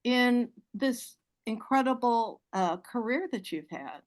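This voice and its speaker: High-voiced, enthusiastic woman host. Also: animated, takes it slowly. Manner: enthusiastic, chatty, laughs often. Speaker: host and moderator. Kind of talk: moderating an online panel. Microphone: video call.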